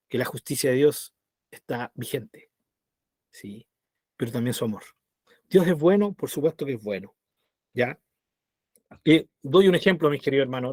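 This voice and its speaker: This man's voice is on the high side with a breathy edge, heard in clean studio sound without echo. Speaking with a Chilean accent, he teaches a Bible study in a chatty way, checks in with listeners often, and animatedly acts out little voices.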